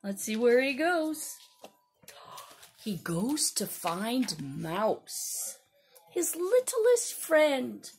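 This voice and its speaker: A young woman teacher reads a picture book aloud to small children, with gasps and hushed asides. Her voice is high and swoops widely, at a very slow pace. Faint music plays behind her. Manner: animated storytelling with gasps and whispered asides.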